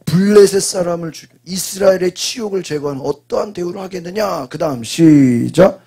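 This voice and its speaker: A man preaching a sermon as pastor, prompting the congregation with quick questions and answering them himself. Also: sits high, warm tone, slightly rough. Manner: call-and-response preaching, frequent prompting asides.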